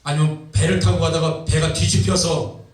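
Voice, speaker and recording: A male pastor preaching in a church sanctuary, with a voice that sits high for a man. He retells scripture like a story, heard from a distance through heavy echo. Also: little pitch movement, normal speed. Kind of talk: sermon. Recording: echoey hall from far off.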